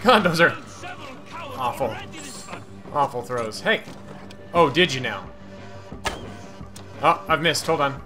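Excitable man swearing at a game. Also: medium pitch, takes it slowly, long pauses. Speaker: gaming streamer. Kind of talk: casual gameplay commentary. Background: game audio and music.

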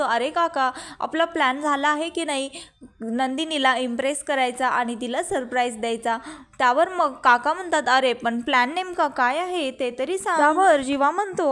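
A woman's voice: sits high, fairly bright tone. A young woman narrating a recap of a TV serial episode and quoting each character's lines in turn. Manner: retells scenes by quoting each character in her own voice. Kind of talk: storytelling recap with quoted dialogue.

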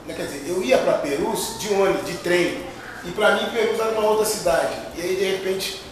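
A man from São Paulo giving a loose, conversational talk as a guest lecturer in a large lecture hall. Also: high voice. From São Paulo, Brazil. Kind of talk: lecture discussion. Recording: echoey hall, distant noisy mic.

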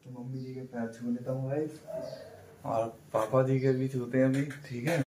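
A man's voice: mid-range voice, flat delivery, normal speed, mellow, a little hiss or hum. Young man vlogging on his phone. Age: young adult. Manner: chatty, keeps asking "theek hai?" to viewers. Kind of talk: casual selfie vlog narration. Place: indoors at home and outdoors at a college camp. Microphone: phone held at arm's length.

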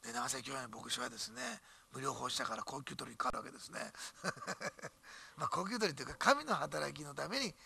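A man preaching a sermon in church as pastor, animated and emphatic, with jokes and asides. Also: mid-range voice, fast talker, vocal fry, hardly any pauses, breathy edge.

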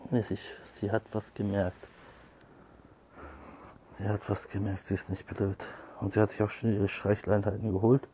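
A man talking casually on a livestream while he feeds and calls to street cats. He scolds one cat loudly and coaxes the others with soft, hushed calls. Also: on the low side, little pitch movement, normal speed, long pauses, a little hiss or hum. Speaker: street cat caretaker streaming live.

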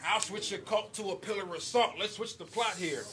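A high-pitched man raps at normal speed in a battle, his delivery punchy and rhythmic, with the odd chuckle between bars. He's a battle rapper in an indoor basement venue, and this loud live recording is full of a crowd cheering and shouting.

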